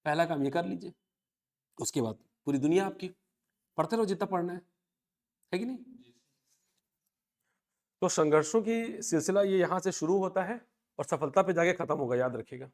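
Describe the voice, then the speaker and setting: Male coaching teacher, 30s, higher-pitched voice, chatty and motivating, calls on students by name. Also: moderate pace, long pauses. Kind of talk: live online class lecture.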